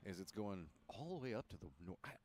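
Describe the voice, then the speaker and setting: A man's voice: fairly low pitch, very animated, quick pace, a little mellow, slight background noise. A man giving live esports analysis as a co-caster, joking and peppered with "like". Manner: joking, uses lots of "like" and "I mean". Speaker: esports color commentator. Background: music.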